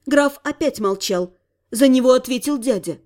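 A woman's voice: high-pitched, expressive, normal speed, darkish tone. A woman narrating a first-person story as an audiobook, reading expressively with emotion.

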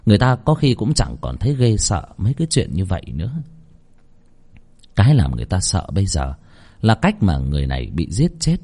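A man telling a folk horror story in a hushed, suspenseful manner. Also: on the low side, breathy edge.

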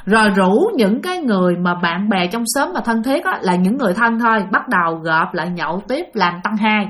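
In a chatty ghost story, a woman with a Southern Vietnamese accent often speaks straight to her listeners. Her medium-pitched voice is animated, brisk and a bit bright, suited to spoken ghost-story narration.

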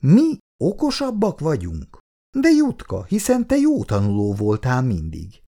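A man reading aloud and voicing a caring, sensible teenage schoolgirl who speaks gently and earnestly to her friend. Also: mid-range voice, huge pitch swings, pitched above the performer's own voice.

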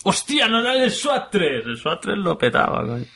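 A man's voice: sits high, very animated, normal speed, gravelly, pushed and bright. A man co-hosting a casual podcast, teasing, swearing and laughing often. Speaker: podcast co-host.

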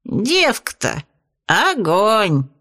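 A woman voicing a cowardly horned male imp with a strained, wheezing voice and drawn-out, pleading words. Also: a little high, very animated, a bit bright, pitched above the performer's own voice, heavily acted. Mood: excited.

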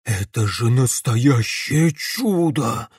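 A man voicing a gleeful, vengeful older male villain who gloats slowly over his captives in an audiobook. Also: medium pitch, dry recording, studio quality. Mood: awed.

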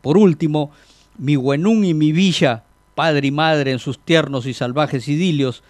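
A man, talking on radio in a measured, reflective way and reading a text aloud. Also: fairly high pitch, darkish tone, no echo. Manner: measured, reflective, with frequent pauses and fillers.

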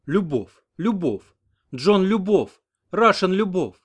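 A man's voice: sits high, very animated, husky, pitched above the performer's own voice, full character voice. A man doing a lovestruck American soldier. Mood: ardent. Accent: American English. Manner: slow and earnest. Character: American man stumbling in broken Russian, lovestruck.

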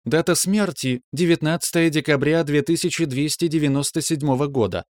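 A man voicing a spaceship's female onboard computer, giving measured, mechanical, formal announcements in a science-fiction audio story. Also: on the high side, darkish tone, no room sound, voice pushed up, lightly acted. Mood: impassive, formal.

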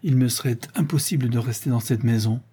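A man voicing a proud, earnest young boy in an audiobook, quiet and firm. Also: mid-range voice, a little fast, husky. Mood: reproachful, firm.

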